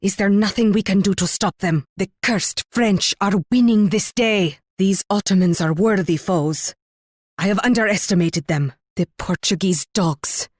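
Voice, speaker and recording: A woman's voice: medium pitch, no echo, clean studio sound, natural voice. Regal, flirtatious Queen Isabella voiced by an actress. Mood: indignant, alarmed. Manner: regal, teasing, theatrically measured delivery. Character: proud, flirtatious Spanish warrior queen, imperious and coaxing. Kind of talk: video game voice acting.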